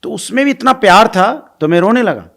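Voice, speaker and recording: A man's voice: high-pitched, moderate pace, gravelly. A middle-aged man, telling stories as an interview guest, laughing and acting out quoted lines. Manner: animated, laughs while recounting, acts out quoted lines. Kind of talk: casual storytelling.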